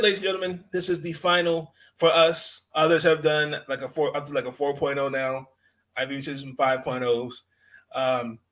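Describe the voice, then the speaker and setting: A man hosting a sports podcast in casual, unscripted talk, halting and repeating phrases as he goes. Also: on the high side, a bit bright, slight background noise.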